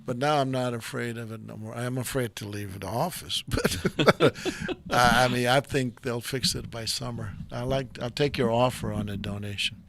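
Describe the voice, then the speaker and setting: Older male talk host with a gravelly voice. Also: medium pitch, moderate pace, few pauses, a bit bright, a little hiss or hum. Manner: rambling, enthusiastic, jokey. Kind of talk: casual live talk show chat.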